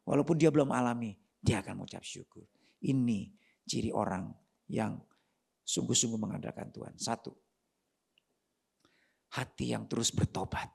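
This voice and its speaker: A woman pastor, preaching an animated, slangy sermon full of rhetorical questions. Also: a bass voice, normal speed, gravelly, long pauses, slightly rough. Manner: slangy and conversational in the pulpit.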